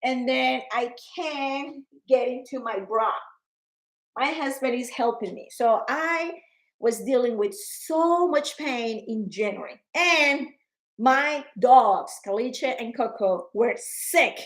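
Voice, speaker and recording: This slow, low-quality recording features a vlogger in her forties speaking to the camera for her personal diary. Her voice runs a touch higher than average, and she speaks with emotional earnestness, repeating words and growing more energetic whenever she's frustrated.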